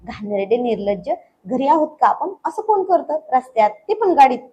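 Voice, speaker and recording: A playful young wife in a spoken story, coaxing and teasing, voiced by a woman narrator. Her voice is a little high, with faint noise behind it. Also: big pitch swings, moderate pace, dark tone, lo-fi sound. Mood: mischievous. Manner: coaxing, mischievous. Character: young wife, mischievous and giggly.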